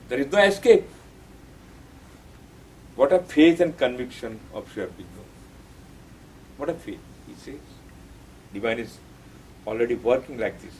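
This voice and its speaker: A man's voice: medium pitch, darkish tone, slight background noise, rough recording. A man giving an earnest devotional talk on a poem, stressing his points by repeating key phrases. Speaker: spiritual teacher explaining a poem.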